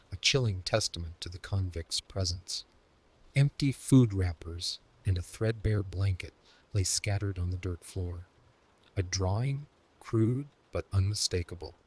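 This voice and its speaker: A man telling a first-person horror story in scripted narration, slow, hushed and dramatic, sometimes sinking into a whisper. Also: low-pitched, breathy edge.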